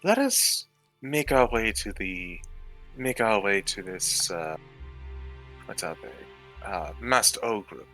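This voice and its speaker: Man voicing a courteous, bright-voiced fantasy adventurer. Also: on the low side, very animated, takes it slowly, long pauses, faint music behind, heavily acted. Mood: polite, measured. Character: courteous, formal-spoken adventurer in a fantasy game.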